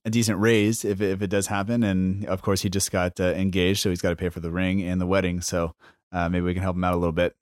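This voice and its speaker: An American man hosts a podcast, talking in a low voice with an easygoing, loosely phrased style. It's a casual chat, recorded with studio quality and no echo.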